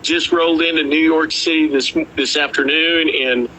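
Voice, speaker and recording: A man's voice: on the high side, fairly even intonation, normal speed, bright, forceful tone, slight background noise, low-quality recording. A man speaking casually as an interview guest from a kitchen.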